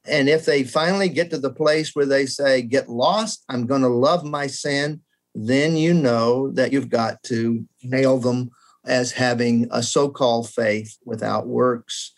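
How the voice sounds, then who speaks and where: This guest scholar, a man in his 70s, has a medium-pitched, fairly even voice and talks a little slowly. Earnest and reflective, he thinks through a theology question in conversation, sometimes teasing his younger self.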